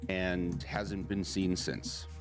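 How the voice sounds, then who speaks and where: A man narrating as game master of a tabletop role-playing game, speaking haltingly with many fillers. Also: low-pitched, flat delivery, over music.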